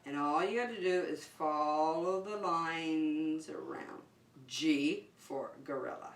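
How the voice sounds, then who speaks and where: Her voice sits low and moves slowly as this woman, a preschool teacher running story and circle time, talks directly to little children. She keeps her phrases short, simple and encouraging in a lesson that includes singing, picked up from afar in a spacious room.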